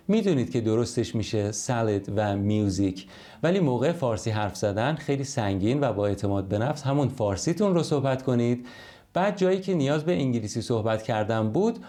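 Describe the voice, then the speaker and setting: A man's voice: mid-range voice, mellow. A man from Iran teaching an English lesson, explaining in a friendly, conversational way with examples.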